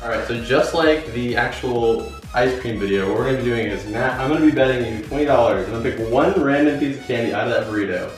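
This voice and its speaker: A man in his twenties hosting a casual food vlog, excited and slangy as he tastes and eats sour candy. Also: medium pitch, quick pace, hardly any pauses. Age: 20s. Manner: excited, slangy, talking while tasting and eating sour candy. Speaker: host of a food challenge vlog. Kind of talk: casual vlog chat to camera. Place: living room, indoors. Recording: echoey living room with music behind.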